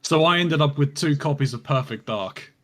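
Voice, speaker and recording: A man's voice: fairly high pitch, expressive, normal speed. A man chatting casually on a stream about old games, hesitant and full of "um"s. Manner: hesitant, many "um"s. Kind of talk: casual gaming chat.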